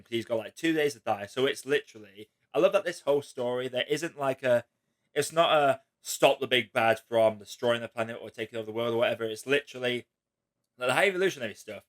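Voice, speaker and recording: Male podcast host, average pitch, loose rambling delivery, casual cursing. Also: a bit bright. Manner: rambling, lots of "like", swears casually. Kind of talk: casual spoiler chat.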